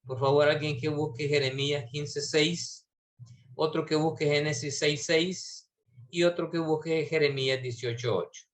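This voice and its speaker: A man teaching a Bible class, talking in a halting way with many fillers and restarts. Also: a little high, fairly even intonation.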